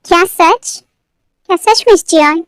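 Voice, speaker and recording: A woman's voice: very high voice, a little slow, no echo. A woman voicing a shy, polite young male employee in a fan fiction story read aloud, speaking timidly.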